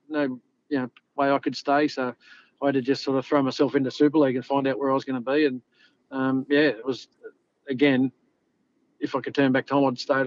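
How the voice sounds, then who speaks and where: A man's voice: medium pitch, no room sound. A middle-aged Australian man, a former rugby league player, telling stories in a rambling, laid-back way. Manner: rambling, laid-back, lots of "you know". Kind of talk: casual interview storytelling. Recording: slightly dull lo-fi audio.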